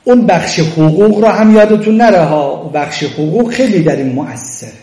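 A man giving a religious lecture on parenting, animated, acting out quoted lines as he talks. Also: high voice. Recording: echoey room.

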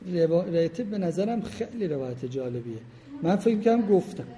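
In a spacious hall with long reverb, a middle-aged man lectures a class informally about family life. His voice is high-pitched, expressive and dark in tone, and he talks conversationally and emphatically, addressing questions straight to the audience.

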